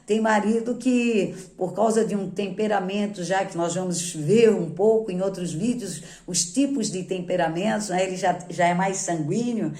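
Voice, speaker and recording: A woman pastor, teaching in a calm, measured way and often checking in with the listener through short tag questions. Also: medium pitch, roomy sound. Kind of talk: teaching on marriage.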